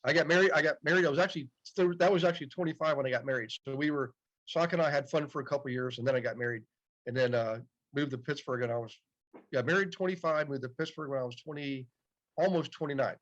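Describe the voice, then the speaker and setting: A man in his late fifties, guesting on a podcast, tells stories in a loose, chatty interview and often replies "yep." His voice sits on the high side, with a fast pace and a fairly bright tone, though the audio is dull and muffled.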